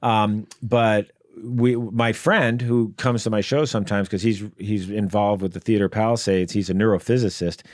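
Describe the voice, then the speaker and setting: A man's voice: lowish voice, steady tone, normal speed, hardly any pauses, no echo, studio quality. A man, a guest comedian, telling rambling anecdotes in casual podcast chat, with many fillers and laughs. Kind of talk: casual storytelling. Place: podcast studio.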